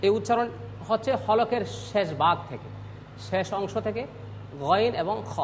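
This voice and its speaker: A man teaching Quran pronunciation, drilling letter sounds slowly and clearly and calling on students to repeat after him. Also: sits high, in a large hall, slight background noise. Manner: slow, clear drilling of letter sounds with call-and-response prompts. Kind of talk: classroom pronunciation lesson.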